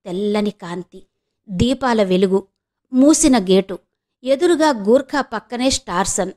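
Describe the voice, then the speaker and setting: A woman from Andhra Pradesh narrating an audio novel in a steady storytelling way. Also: medium pitch, measured pace. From Andhra Pradesh, India.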